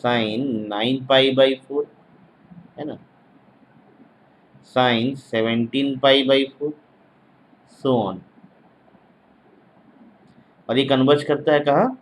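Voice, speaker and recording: Man lecturing at a very slow pace. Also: medium pitch, steady tone, a little hiss or hum, rough recording. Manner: repeats each phrase slowly as if dictating, checks in with tag questions. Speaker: mathematics teacher. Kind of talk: exam-prep lecture.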